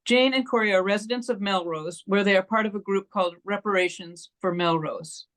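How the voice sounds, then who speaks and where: Woman moderator with a mid-pitched voice. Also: fairly quick, fairly bright tone. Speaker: moderator introducing speakers. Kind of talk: prepared event introduction. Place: online meeting.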